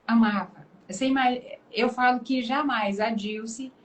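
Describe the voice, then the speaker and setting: A woman pastor with a Brazilian Portuguese accent, appearing as a guest in a live conversation, gives an emphatic, dramatic testimony and preaches with lively quoted voices. Her fairly high voice is unhurried, and the audio is poor.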